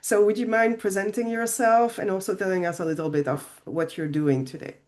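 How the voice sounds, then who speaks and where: A woman's voice: medium pitch, fairly even intonation, brisk, darkish tone. A woman hosting a podcast interview, asking questions hesitantly with repeated words. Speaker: podcast host.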